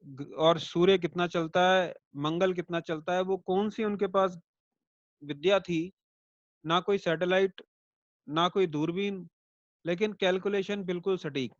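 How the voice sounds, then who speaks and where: In a chatty online astrology lesson, a man with a high-pitched voice speaks in a steady tone, a little slowly. He uses rhetorical check-ins, homely everyday comparisons and light jokes to make his points. The audio is dry with no echo, slightly dull and lo-fi.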